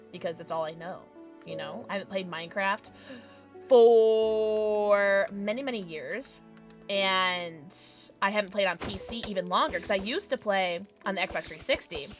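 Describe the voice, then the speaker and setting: A young adult woman chatting casually on a gaming livestream in a cute, bubbly, animated, exclamatory manner with playful slang. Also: mid-range voice. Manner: animated, exclamatory, swinging from murmurs to squeals. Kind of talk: casual livestream chat over gameplay.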